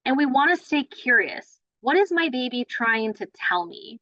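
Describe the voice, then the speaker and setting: A woman's voice: sits high, sing-song, moderate pace, sharp tone, dry recording, lo-fi sound. A woman leading a play therapy training in a conversational lecture style, often adding "right?" and "you know". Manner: conversational, many fillers and "right?".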